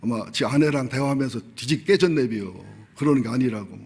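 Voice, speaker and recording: Husky middle-aged male pastor preaching. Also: medium pitch, fast talker, darkish tone. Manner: candid, humorous storytelling with acted quotes. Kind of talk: sermon.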